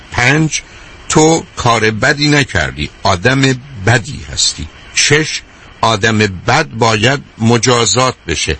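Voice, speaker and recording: A man's voice: medium pitch, sharp tone, slight background noise. A man as a guest expert on a talk show, explaining by numbered points and acting out the angry inner voices he describes.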